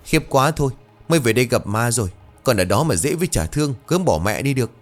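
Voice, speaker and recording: A man voicing a sharp-tongued middle-aged village wife who nags and scolds in a quick, loud way. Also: mid-range voice, sing-song, faint music behind, voice pushed up, close to an everyday voice. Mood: scolding. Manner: nagging, scolding.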